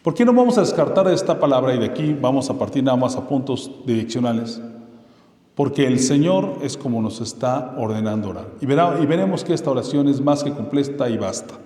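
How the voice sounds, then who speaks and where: A man's voice: mid-range voice, animated, fairly quick, dark tone. Male pastor preaching in an echoey hall. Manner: asks the congregation questions and answers them himself. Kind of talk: sermon. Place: church hall. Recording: echoey hall with long reverb.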